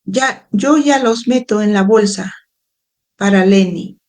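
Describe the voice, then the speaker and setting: A woman's voice: medium pitch, takes it slowly, a little mellow, close to an everyday voice. A woman voicing a two-year-old boy who coaxes and pleads with his crying older brother, in a read-aloud storybook. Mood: coaxing. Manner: pleading, childlike coaxing.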